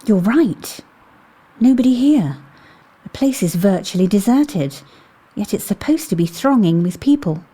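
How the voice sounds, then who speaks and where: An actress voices a mysterious female investigator in an audio drama, her tone mellow and slightly breathy at a medium pitch. Unhurried, calm, and perceptive, she sounds thoughtful and curious, asking questions with widely varied intonation.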